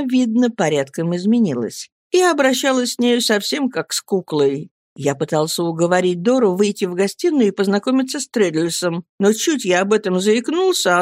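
A woman narrating a classic novel as an audiobook reader, steady and expressive. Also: lowish voice, dry recording, clean studio sound.

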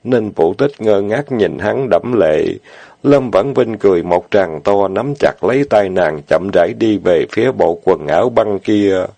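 A man narrating an audiobook novel in a steady, plain reading. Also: lowish voice, measured pace, creaky, no room sound. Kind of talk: storytelling narration.

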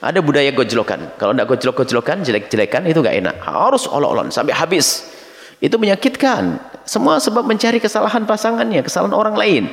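A middle-aged male preacher gives a dawn sermon, reading short Arabic lines and then explaining each one. His voice rises and falls in wide, animated swings. The long reverb of a big hall trails after every phrase. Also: a little high, quick pace, gravelly. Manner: reads Arabic phrases then explains them, addresses listeners as his children. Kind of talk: dawn sermon teaching from a text.

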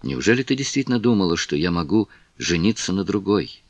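A composed aristocratic gentleman, read by a man with a deep, low voice, unhurried and measured. The sound is dry and close, with no room around it. He talks with calm authority, the way a storybook lord would. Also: dry recording, muffled recording. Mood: tender. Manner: slow, measured, condescending calm. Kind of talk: audiobook character reading.

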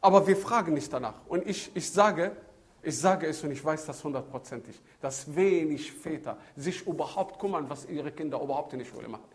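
Animated and storytelling in style, this middle-aged preacher talks a little quickly in a fairly high voice about how to raise children. He voices characters in dialogue, circles back over his points and asks questions he doesn't expect answered, switching into Arabic phrases along the way.

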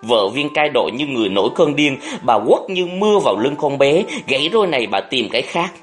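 A male audiobook narrator reads a novel with expressive storytelling. His pitch rises and falls freely, and soft music plays faintly behind him. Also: a little fast.

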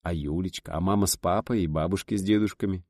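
A man reading a novel aloud as an audiobook narrator, expressive and voicing each character. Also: sits low, fast, no echo, studio quality.

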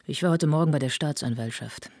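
A woman voicing a sober, skeptical man giving a dry, ironic account, with a slightly husky voice. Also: low voice, fairly quick, darkish tone, no echo.

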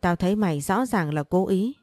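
Cranky mother-in-law, harsh and insulting, low dark voice, woman reading it out. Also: expressive, a little fast, no echo, faint music behind. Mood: furious. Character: scolding older mother-in-law, sharp-tongued.

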